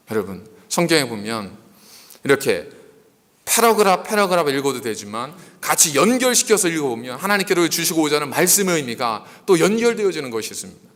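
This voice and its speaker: A male pastor preaching a sermon, asking many rhetorical questions in an animated delivery. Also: on the high side. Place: church sanctuary. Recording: echoey church hall.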